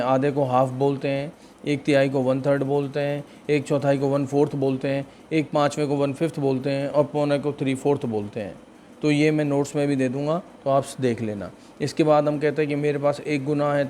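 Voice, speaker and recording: A man with a Hindi accent giving a spoken English grammar lecture, explaining step by step and slowing down for English example sentences. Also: mid-range voice, darkish tone, a little hiss or hum. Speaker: English teacher.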